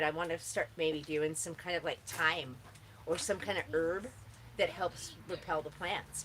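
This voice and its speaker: A woman's voice: low voice, fairly bright tone, poor audio. A woman chatting casually and answering questions in a laid-back, stoner-like ramble, recorded outdoors with some background noise. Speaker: host answering gardening questions.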